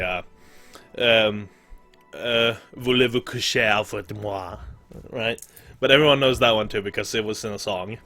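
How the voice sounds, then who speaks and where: A young man talks through a game stream in a loose, rambling way, swearing freely and restarting his sentences. His voice is bright and forceful, and he takes his time with his words. Soft game music plays quietly behind him. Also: medium pitch, no room sound. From Sweden. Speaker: gaming streamer. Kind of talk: let's play commentary, reading game text aloud.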